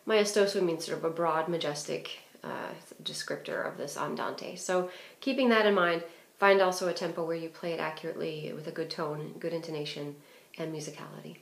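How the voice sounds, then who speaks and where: In a recording with roomy echo, a woman with a deep voice and steady tone gives a clarinet lesson at a slightly fast pace. Practical in her approach, she walks through phrasing and fingerings, often using fillers.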